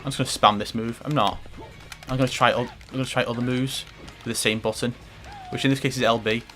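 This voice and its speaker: A man's voice: medium pitch, steady tone, fast talker, a bit bright. A man commentating a fighting game playthrough, rambling and swearing often, with game music faint behind. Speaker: gaming commentator. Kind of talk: let's play commentary.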